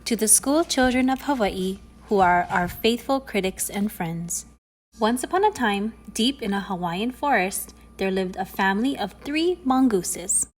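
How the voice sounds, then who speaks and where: Woman reading a children's storybook aloud. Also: mid-range voice. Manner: expressive, slows on key phrases. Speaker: storybook reader. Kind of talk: storybook read-aloud narration.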